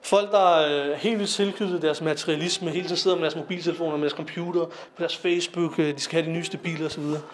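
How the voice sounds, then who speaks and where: A man's voice: fairly high pitch, fairly even intonation, few pauses, a little hiss or hum. A young man giving an informal lecture to young people, talking conversationally with fillers and asking his listeners questions. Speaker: lecturer on Sikh philosophy.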